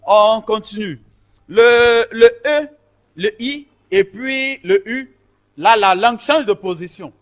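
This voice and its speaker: A man's voice: high voice, takes it slowly. A man teaching a choir vocal technique, explaining vowel shapes patiently and counting the group in.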